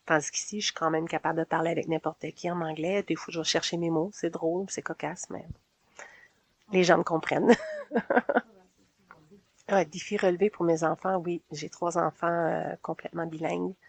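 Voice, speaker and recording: A woman's voice: on the low side, flat delivery, normal speed, vocal fry, no room sound. A sociable woman in her forties with a Québécois French accent, casually telling her own story in an interview and laughing often between phrases. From Quebec.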